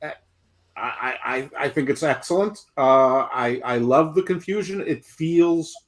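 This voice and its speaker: A man's voice: a little high, a little slow. A man in his fifties, co-hosting a casual wrestling chat show, rambling and joking as he goes. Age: 50s. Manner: rambling, jokey, self-interrupting. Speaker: podcast co-host.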